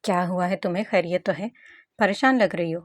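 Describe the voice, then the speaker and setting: A woman's voice: lowish voice, brisk, no room sound, natural voice. A woman reading the lines of a caring young female student friend in an audiobook story. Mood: concerned. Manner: concerned, friendly.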